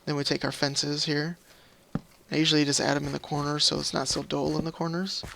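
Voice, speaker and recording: A slightly high, pushed, bright voice, creaky and level in tone, comes a little fast from a tired, faintly scratchy man. He hosts a gaming video series and rambles apologetically through casual Minecraft let's play commentary, thinking aloud as he plays.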